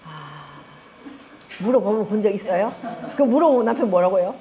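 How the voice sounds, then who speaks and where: Animated middle-aged woman lecturing an audience. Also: mid-range voice, a little fast, dull audio, a crowd in the background. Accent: Gyeongsang Korean. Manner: animated, teasing, asks the audience often and laughs. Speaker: network marketing group leader giving a talk. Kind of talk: lively lecture with audience questions. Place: seminar room with a live audience.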